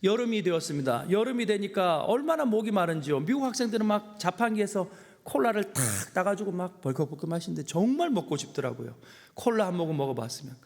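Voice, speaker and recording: A middle-aged man preaching in a church, his fairly high voice rising and falling broadly as he spins a personal story. He mixes humor with emotional moments and leans into each turn of the tale. Long reverb from the sanctuary trails after each phrase. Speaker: pastor. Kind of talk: sermon.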